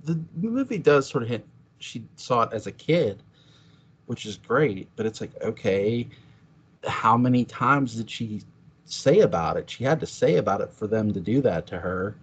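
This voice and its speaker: A man's voice: mid-range voice, very animated, normal speed, breathy edge. A man chatting as a podcast guest, telling stories animatedly and acting out his own reactions in quotes. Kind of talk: casual chat. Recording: dull lo-fi sound.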